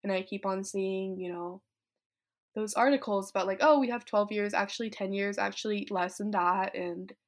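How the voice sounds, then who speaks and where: Speaking at a moderate pace, the young Vietnamese woman keeps a steady tone and a mid-range pitch. At fifteen, this climate activist offers casual, candid, thoughtful reflections on her life, peppered with "like" and "you know."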